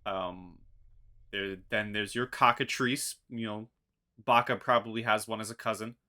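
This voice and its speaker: Bright-voiced, unhurried male game master. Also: lowish voice, steady tone. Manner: halting, thinking aloud. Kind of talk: narrating a tabletop fantasy game.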